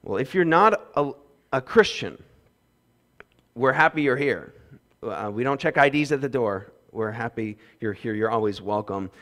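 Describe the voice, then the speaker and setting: A man in his thirties preaching a sermon on a church stage through a headset mic, swinging between loud emphasis and quiet asides. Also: medium pitch, animated, normal speed. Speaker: pastor. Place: church stage with windows behind.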